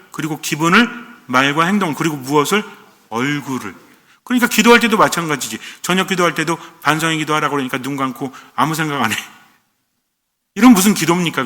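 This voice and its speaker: Male priest, sermon, bright forceful tone, rather high pitch, long hall reverb. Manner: asks the congregation questions and answers them himself; acts out short quoted lines.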